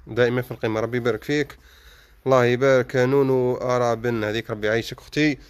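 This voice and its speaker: A man's voice: mid-range voice, fairly even intonation, rapid-fire, clear, resonant tone. A man with an Algerian Arabic accent hosting a casual live stream from a household-goods bazaar, greeting viewers and calling out the goods on offer. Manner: calls out greetings and prices, inviting viewers. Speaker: live-stream host touring a shop. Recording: background noise with clattering dishes.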